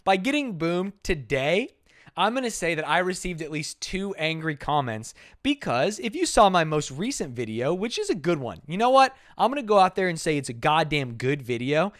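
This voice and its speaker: A man's voice: a little high, very animated, moderate pace, a bit bright. An American man bantering casually as a podcast co-host, brash, profane and mock-boastful. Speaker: podcast co-host, content creator.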